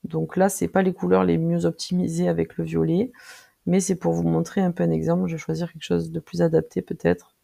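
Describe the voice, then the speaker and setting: Tutorial presenter, casual screen-recording, very creaky and mellow, hesitant with lots of fillers. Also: mid-range voice, little pitch movement. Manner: hesitant, frequent filler pauses while clicking through; friendly, addresses viewers directly.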